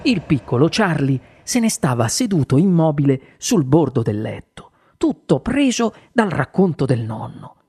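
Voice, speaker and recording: An audiobook narrator reading a children's story with animated, varied intonation. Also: medium pitch, measured pace, few pauses, slightly rough.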